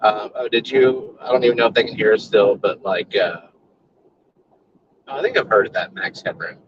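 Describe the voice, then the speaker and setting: A man's voice: on the low side, normal speed. A young man co-hosting a casual chat over a video call, playful and joking. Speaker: co-host. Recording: muffled noisy call audio.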